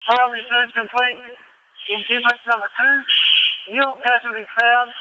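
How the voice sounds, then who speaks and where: A firefighter, a man, sending clipped, formal, crisp reports over a two-way radio. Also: very high-pitched, level tone, normal speed. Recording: muffled two-way radio, clear static and clicks.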